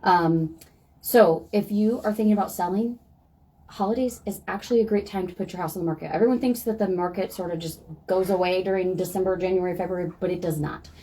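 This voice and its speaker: A woman's voice: lowish voice, a little fast, dark tone, slightly rough, low-quality recording. A woman with an American accent co-hosting a show, speaking casually to viewers as a real estate agent. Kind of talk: casual market update to camera.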